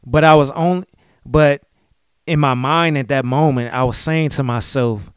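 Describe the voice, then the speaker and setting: A man's voice: mid-range voice, smooth, no echo, studio quality. Reflective man in his late thirties. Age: late 30s. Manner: reflective, emotional, repeats "you know what I'm saying". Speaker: podcast host. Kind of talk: candid personal podcast talk.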